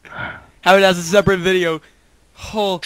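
A teenage boy with a very high voice chats over a headset call. He giggles a lot and keeps teasing and coaxing his friend through a game. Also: level tone, moderate pace, noisy background. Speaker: recording host. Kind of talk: casual chat over voice call.

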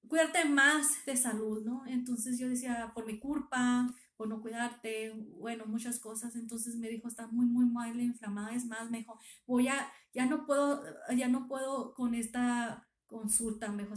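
A woman in a casual, emotional vlog, retelling what others said to her line by line. Her voice sits a little high. The room around her gives the sound a noticeable echo. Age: 30s. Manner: emotional retelling, quoting others with constant "me dijo". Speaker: vlogger.

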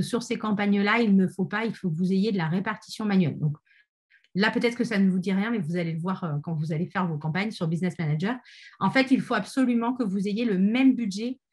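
A woman's voice: medium pitch, a little mellow, breathy edge. A woman presenting an online training session, talking with many fillers and restarts. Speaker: webinar speaker on ad testing.

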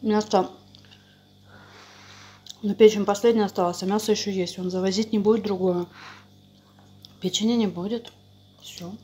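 A woman's voice: mid-range voice, steady tone, moderate pace, pauses often, dark tone. A middle-aged woman, a mother, chatting casually at home while eating, her mouth partly full, with chatty grumbling asides. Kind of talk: casual mukbang chat.

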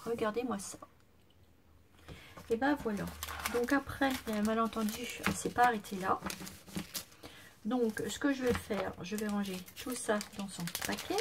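Showing off the gifts she received, this craft vlogger gushes and exclaims in a casual unboxing chat to camera, occasionally dropping to a whisper because she's losing her voice. She speaks at a moderate pace with a slightly high voice and frequent pauses, and the background is noisy.

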